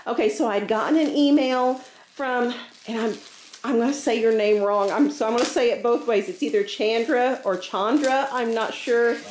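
Mom chatting thru a family unboxing at home, kinda high voice, thankful, lots of laughing, echoey room. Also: female voice, fairly even intonation, normal speed, darkish tone. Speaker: family channel host, mother. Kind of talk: casual family unboxing chat. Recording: roomy home room, faint noise.

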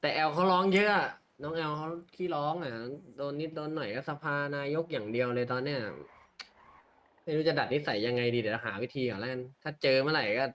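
A man talking in character as a gang leader in an online role-play game, calm and taunting. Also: mid-range voice, quick pace.

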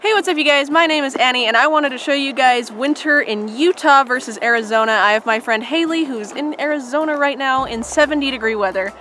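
A young woman hosting a casual vlog outdoors in the snow, giggly and excitable, filmed on a camera by a friend. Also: on the high side, slight background noise. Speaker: vlogger host.

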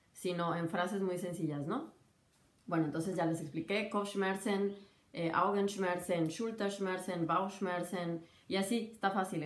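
A woman doctor with a Mexican Spanish accent talks through a lesson in a relaxed, chatty way, throwing in asides and examples. Her voice sits a little low. The room around her has a noticeable echo. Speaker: doctor teaching medical German. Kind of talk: casual spoken lesson.

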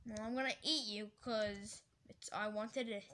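A woman acting out a comic game roleplay in several voices. She is excitable, bursts into loud shouts, and fills gaps with playful sound effects and sing-song bits. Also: mid-range voice, moderate pace, slight background noise.

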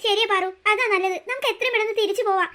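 A woman's voice: very high-pitched, rapid-fire, pushed and bright. A woman doing a bold, indignant cartoon girl. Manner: indignant, plotting. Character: bold clever young girl, protective big sister. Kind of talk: cartoon voice acting.

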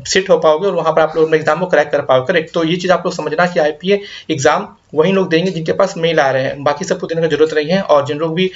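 Fast-talking man giving career updates. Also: a little high, dull audio. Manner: rapid Hindi-English mix, reassuring, repeats "ठीक है". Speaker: career guidance YouTuber. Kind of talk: casual update video reading viewer comments.

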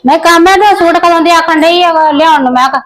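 A woman playing a scolding mother who is quick to believe gossip, in a family short film. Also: extremely high pitch, fairly bright tone. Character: mother of the household, scolding but trusting.

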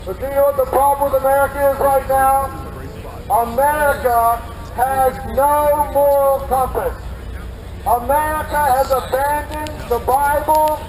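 A middle-aged man declaims an open-air sermon with loud, fervent insistence. His voice sits very high and he speaks in slow, deliberate phrases. It rings out across an echoey city street over the clear murmur of a large crowd. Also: background noise. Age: 50s. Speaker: street preacher.

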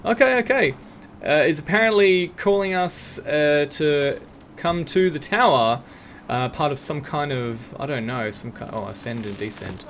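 A man commentating while he plays a video game, excitable and jokey, often laughing and shouting at the game. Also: a little high, measured pace, slight background noise. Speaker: gaming video host. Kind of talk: let's play commentary. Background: game music and gunfire.

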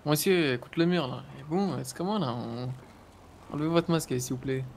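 A man's voice: on the high side, brisk, a little mellow, slight background noise. A man playing a police officer in game role-play, casual and switching between polite and blunt. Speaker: player acting a police officer.

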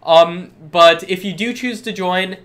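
A young man's high, slightly bright voice comes across a little slow as he reads chat questions on a live stream, despite a stuffed-up cold. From a small room with a lit backdrop, he keeps offering upbeat, repetitive salesy reassurances.

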